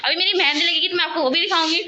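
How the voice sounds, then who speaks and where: A woman vlogging casually at home, chatting and rambling to her viewers and talking loudly over household noise. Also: extremely high pitch, fairly even intonation, racing. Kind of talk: casual home vlog chat. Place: at home, cooking and sweeping nearby.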